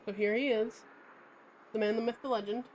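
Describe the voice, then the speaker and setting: A woman's voice: on the high side, fairly even intonation, a little fast, a little mellow, a little hiss or hum, poor audio. A woman giving casual, irreverent game commentary as a streamer, giggly and free with swearing.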